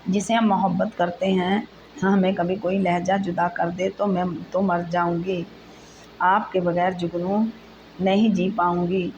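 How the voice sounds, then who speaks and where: A woman's voice: lowish voice, unhurried, lo-fi sound. A woman voicing a young wife who speaks earnestly and from the heart. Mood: heartfelt. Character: young wife, emotional and affectionate. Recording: steady background noise.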